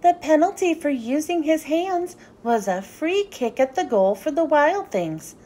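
A woman reads a children's storybook aloud in a high, swooping voice. Her sing-song delivery is animated and deliberately phrased, soft and mellow in tone, at an unhurried pace suited to young listeners.

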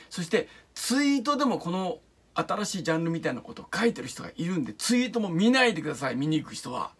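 A man chatting casually about a film he has seen, his voice very breathy and husky throughout. His pitch swings widely as he tells the story, and he keeps sinking into a low whisper to build suspense. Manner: animated storytelling, often drops into hushed whispers. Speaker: channel host reviewing films. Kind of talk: casual film review talk.

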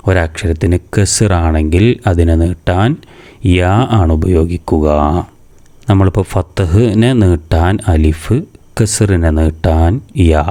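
A man from Kerala teaching a reading lesson step by step, patiently asking questions and answering them himself, saying each sound slowly and repeating it. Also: sits low, mellow. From Kerala, India. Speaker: madrasa teacher.

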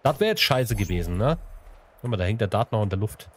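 A man's voice: on the low side, sing-song, quick pace. A man narrating his own gameplay in a casual, chatty way, talking to the animals and to his viewers with playful sing-song bits. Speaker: let's play host.

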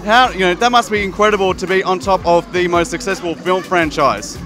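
A man's voice: sits high, a little fast. A young man hosting and interviewing at a film premiere in a busy shopping centre, speaking into a handheld mic with music behind. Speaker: entertainment reporter. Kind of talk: red carpet interview. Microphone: handheld microphone.

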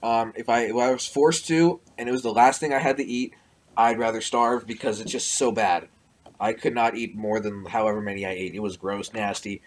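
A man's voice: fairly low pitch, fairly even intonation, brisk. Jonge man praat met mond vol popcorn. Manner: blunt, grossed-out reactions. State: mouth full of popcorn. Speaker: vlogger. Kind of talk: casual taste-test commentary.

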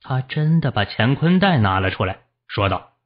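Man, audiobook narrator, fantasy novel narration, steady storytelling, husky tone, dull lo-fi sound. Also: mid-range voice, normal speed. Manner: steady storytelling, voicing the characters.

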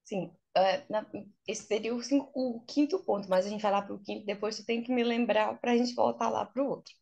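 A woman's voice: a little high, steady tone, normal speed, gravelly, a little mellow. A woman with a Brazilian Portuguese accent, an English teacher patiently explaining her points step by step in a casual interview. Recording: dull, lo-fi sound.

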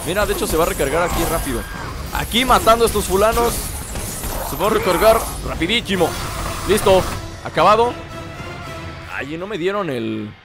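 A man's voice: sits high, animated, normal speed, pauses often, music in the background. Playful Mexican man commenting on gameplay. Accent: Mexican Spanish. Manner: playful, chatty, teasing.

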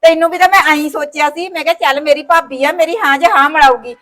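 In a family short film, a woman with a Malwa Punjabi accent plays a sulking sister-in-law, indignantly complaining, turning down every offer, and talking over objections. Her high voice is bright and forceful, and she speaks quickly.

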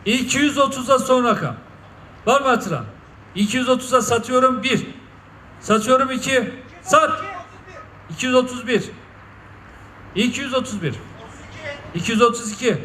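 Guy auctioneer calling out bids, really high voice, echoey noisy room far from mic. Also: animated, normal speed, long pauses, a bit bright. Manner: auctioneer's repetitive calling of figures and last chances. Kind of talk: live auction bid calling.

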